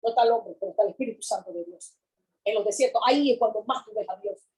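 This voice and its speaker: A woman preaching a sermon with fervor, repeating her phrases and swinging between loud calls and hushed words. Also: mid-range voice, fast talker, poor audio.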